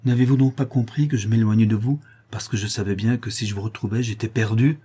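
A proud noblewoman torn by love, voiced by a man reading aloud. She speaks quietly and with feeling, in a low, mellow, slightly husky voice. It sounds like a storybook reading rather than a full performance. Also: steady tone, fast talker. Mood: yielding.

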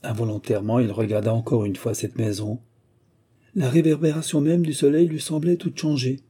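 A man narrating a novel as a scripted audiobook, in a measured, even manner. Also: lowish voice, breathy edge.

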